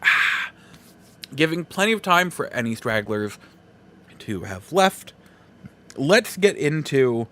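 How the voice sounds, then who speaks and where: A man with a mid-range voice hosts a solo podcast, offering casual opinion commentary. He speaks in a halting, emphatic way, repeating phrases for effect.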